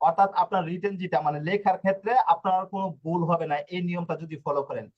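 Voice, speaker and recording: Here a man's voice sits high and moves quickly, heard through lo-fi sound, as he teaches Bengali speakers the Italian alphabet. Letter after letter gets repeated, with regular pauses for "ঠিক আছে?" to see that students are keeping up.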